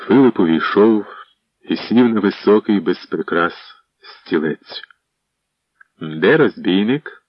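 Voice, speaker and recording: Deep male narrator for a dramatic audiobook reading; dry, muffled lo-fi sound. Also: a little slow, dry recording. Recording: dull lo-fi audiobook recording.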